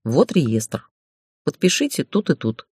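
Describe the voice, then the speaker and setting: A young female accountant in an audiobook, as the narrator plays her, with a lively, rising and falling voice. The recording is dry and close. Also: medium pitch, unhurried, breathy edge, dry recording. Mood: pleading. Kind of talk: audiobook character voice.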